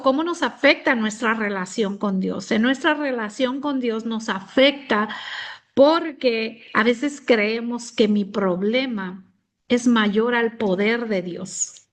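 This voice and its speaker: A woman raised in the United States, giving a reflective Bible teaching talk with many pauses and fillers. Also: fairly high pitch. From United States, of Mexican descent. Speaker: women's ministry speaker.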